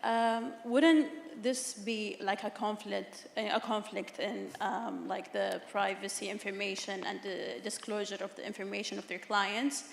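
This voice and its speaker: Woman from Saudi Arabia, hesitant floor question, gravelly, echoey hall. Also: mid-range voice, steady tone, measured pace, hardly any pauses. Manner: hesitant, with fillers. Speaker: legal specialist asking a question. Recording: distant roomy hall with faint noise.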